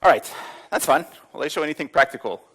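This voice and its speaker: A man's voice: on the high side, expressive, quick pace, a bit bright. A man giving a live tech conference talk with demos, casual and filler-heavy, often chuckling between points. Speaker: conference speaker. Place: conference hall with audience.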